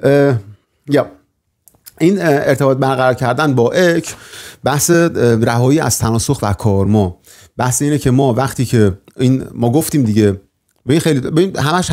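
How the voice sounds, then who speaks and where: A young man hosting his own channel, giving a casual spiritual lecture with many pauses, hesitations and restarts as he thinks aloud. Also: mid-range voice, darkish tone.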